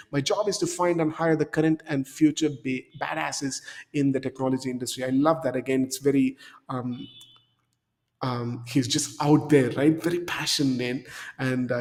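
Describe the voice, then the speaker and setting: A mid-pitched man in his thirties coaching viewers through a screen-share tutorial. He sounds upbeat and coaxing and keeps checking in with "okay?". His desk mic picks up a noticeable room reverb. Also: a little mellow. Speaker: career coach. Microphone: desk mic in frame.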